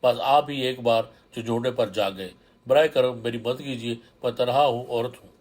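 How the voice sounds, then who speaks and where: A man's voice: mid-range voice, steady tone, lightly acted. A man voicing a mysterious young woman. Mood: pleading. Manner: polite, pleading.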